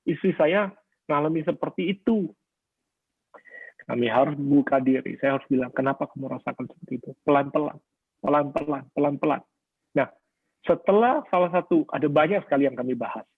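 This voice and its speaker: A man's voice: on the high side, moderate pace, pauses often, no room sound. A middle-aged male pastor giving a sermon on marriage, telling personal stories and addressing the listeners directly. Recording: husky voice on a tinny phone-like radio line.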